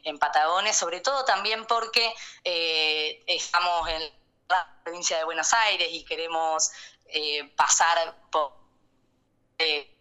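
A woman's voice: deep voice, bright, forceful tone. A woman with an Argentine accent talking over a phone line on speakerphone, a guest who speaks earnestly with many fillers and restarts. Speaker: activist guest on a phone call. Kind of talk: phone interview on radio.

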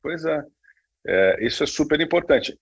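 A man's voice: a little high, animated, moderate pace, vocal fry, slightly rough, highs cut off. A man co-hosting a casual talk, speaking with many fillers and restarts. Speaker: podcast co-host. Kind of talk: casual conversation on branding.

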